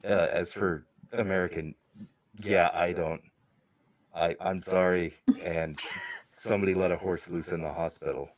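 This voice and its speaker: A man's voice: deep voice, steady tone, measured pace, no echo. A man introducing himself as a player on a stream, easygoing and joking. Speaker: player, game master of his own show.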